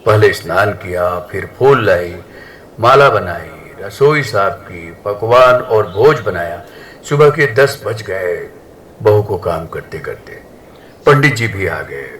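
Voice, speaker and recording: A man telling a family story in a slow, measured way, addressing his listeners as friends. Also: fairly low pitch, a bit bright, a little hiss or hum. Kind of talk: spiritual storytelling.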